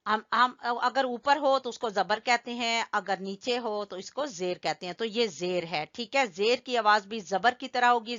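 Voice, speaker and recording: A woman with a bright, crisp, fairly high voice teaches recitation at an unhurried pace. She spells out letters and vowel marks one by one, patiently repeating them and gently correcting her learners. The recording is slightly muffled and lo-fi. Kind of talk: slow drilling lesson with call-and-response.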